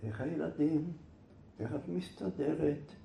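A man voicing a calm, gentle husband who reads a letter in a soft, soothing, slow way, recorded in an echoey room with faint noise. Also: a little high, creaky.

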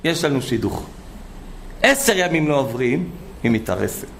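A man preaching a sermon full of stories, animated and acting out the voices of the people in them. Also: medium pitch, gravelly, slight background noise. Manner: animated, acts out quoted voices. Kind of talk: sermon with storytelling.

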